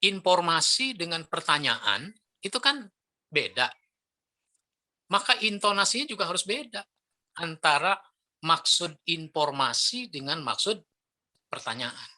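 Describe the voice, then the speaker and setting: Bright-voiced man teaching preachers. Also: a little high, a little slow, long pauses. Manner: lively, demonstrates intonation with examples. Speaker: Islamic preacher trainer. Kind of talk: lecture on preaching technique.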